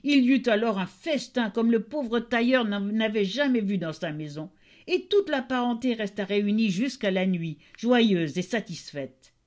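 A woman reading a fairy tale aloud in an expressive storytelling voice. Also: a little high, moderate pace.

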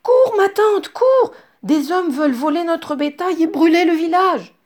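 A woman voicing a brave little village girl who shouts warnings in alarm. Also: very high voice, expressive, a little slow, voice pushed up. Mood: urgent, alarmed.

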